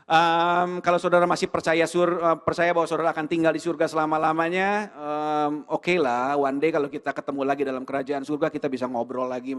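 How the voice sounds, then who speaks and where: A man with an Indonesian accent preaching a sermon in a church, animated and full of rhetorical questions, with English words mixed in. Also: fairly high pitch. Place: church hall. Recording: long hall reverb.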